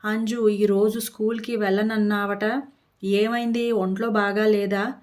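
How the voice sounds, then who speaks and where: Woman reading as a soft-spoken worried father. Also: mid-range voice, level tone, measured pace, close to an everyday voice. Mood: gentle fatherly. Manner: soft fatherly coaxing, evasive. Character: worried widowed father, middle-aged man.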